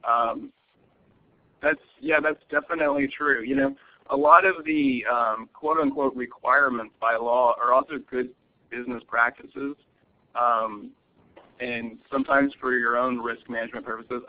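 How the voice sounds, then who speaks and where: A man's voice: medium pitch, creaky. A man presenting a webinar as a lawyer, answering audience questions cautiously with many fillers and restarts. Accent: American. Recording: muffled lo-fi webinar audio.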